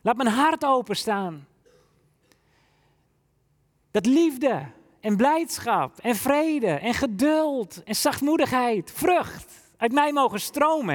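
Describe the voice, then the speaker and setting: Male pastor with a high voice, fervent slow sermon delivery, echo of a church hall. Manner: fervent preaching with slow, drawn-out phrases.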